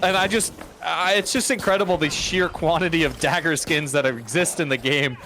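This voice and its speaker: A man with a slightly higher voice commentates a video game match. He is casual and playful, rambling through jokes as he banters like a co-caster. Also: normal speed, pushed and bright, a little hiss or hum.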